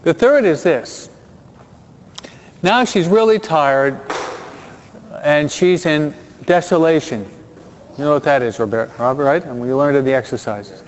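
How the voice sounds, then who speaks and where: A man's voice: fairly high pitch, animated, a little slow, pauses often, a little hiss or hum. A man preaching a sermon in a chatty way, often checking in with his listeners and dropping Spanish words into his English. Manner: conversational, keeps checking in with the listeners. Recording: dull sound with long hall reverb.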